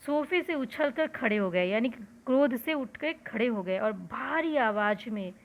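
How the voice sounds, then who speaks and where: A woman's voice: on the high side, expressive, measured pace. A woman teacher explaining a story lesson to students, glossing words and repeating lines. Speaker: school teacher.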